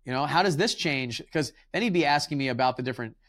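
A man hosting a casual podcast conversation, with a mid-range voice. He rambles in a relaxed way and slips into quick acted exchanges with workers he has hired. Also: medium pitch. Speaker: podcast host. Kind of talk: casual interview chat.

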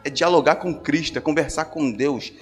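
A man's voice: on the high side, moderate pace, big-room sound, faint music behind. A male preacher, giving a conversational sermon that builds to emphatic bursts. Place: church.

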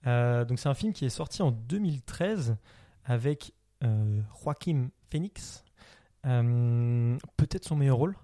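A man's voice: medium pitch, lively intonation, a little slow, mellow. A man co-hosting a casual podcast, talking about films with enthusiasm and lots of hesitant fillers. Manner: enthusiastic, hesitant with many fillers, laughs often. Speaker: podcast co-host. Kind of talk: casual film chat.

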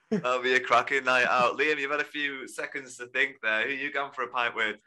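A man's voice: medium pitch, expressive, measured pace, bright, forceful tone. A man hosting a casual football podcast, rambling and joking and laughing often. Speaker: podcast host.

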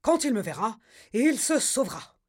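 A woman's voice: fairly high pitch, big pitch swings, moderate pace, darkish tone, pitched above the performer's own voice. A woman voicing a loyal, clever little male dog in a children's storybook, confident and reassuring.

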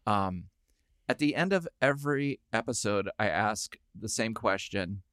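A man's voice: on the low side, lively intonation, unhurried, fairly bright tone, no room sound, studio quality. A man hosting a podcast, earnest and enthusiastic, wrapping up an interview and reading the outro. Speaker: podcast host. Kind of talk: interview chat and scripted outro. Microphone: remote call recording.

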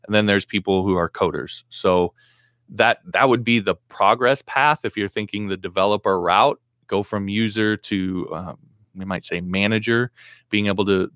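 A man with a low, deep voice hosts a casual live stream Q&A, reading out viewer comments and answering them in a blunt, practical way. He talks loosely, with plenty of fillers and false starts. The sound is close and dry, with no room around it. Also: fairly bright tone, no echo. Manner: reads viewer comments aloud and answers plainly, frequent fillers and restarts.

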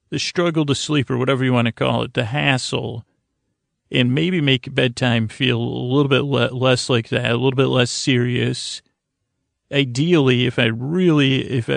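A man with a creaky, gravelly, mid-range voice hosts a bedtime podcast, delivering a rambling monologue to keep listeners company. He's halting and meandering, constantly interrupting himself and starting over. There is no room sound.

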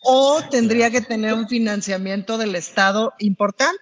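A woman's voice: fairly high pitch, fairly even intonation, normal speed. Joking Mexican woman panelist. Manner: joking, teasing. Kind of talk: comic panel banter.

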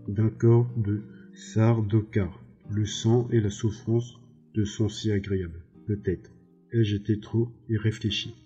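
A man's voice: lowish voice, dark tone, husky, muffled recording. A man reading as a scheming cruel baron. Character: cruel scheming male baron, older, menacing.

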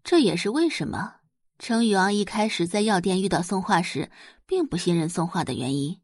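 A dramatic audio novel is read by a woman whose slightly husky, medium-pitched voice rises and falls in lively, sweeping arcs. She keeps a moderate pace, recorded close and dry.

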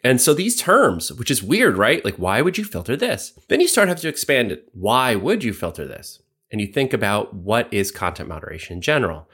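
Animated man explaining online culture. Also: medium pitch, brisk, slightly rough. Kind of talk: explanatory discussion.

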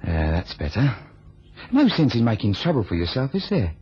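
A man's voice: medium pitch, wildly swooping pitch, normal speed, darkish tone, husky, full character voice. An actor playing an oily, domineering male union boss in a vintage radio drama. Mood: leering. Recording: dull lo-fi old radio recording.

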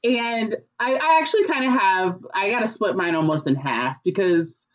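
An American podcast co-host chatting casually, animated and gossipy, often breaking into laughter. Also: mid-range voice, moderate pace, highs cut off. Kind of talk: casual chat.

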